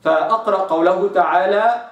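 A man with an Egyptian accent teaching Quran recitation, explaining and slowly demonstrating letter sounds. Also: sits high, muffled recording. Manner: slow drawn-out sound demonstrations between explanations. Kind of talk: tajweed lesson with demonstrations. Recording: echoey room, voice a bit distant.

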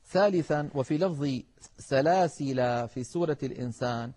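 A middle-aged man, a Quran recitation scholar giving a televised lesson in a measured, explanatory way and speaking straight to his viewers. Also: fairly high pitch, dark tone. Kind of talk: televised religious lesson with chanted verses.

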